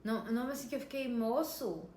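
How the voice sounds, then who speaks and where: A woman near fifty with a Brazilian Portuguese accent tells her viewers a story. She speaks emphatically in a slightly high voice and keeps turning to address them directly. The room is echoey, with faint ambient noise behind her. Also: fairly quick. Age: around 50. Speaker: vlogger.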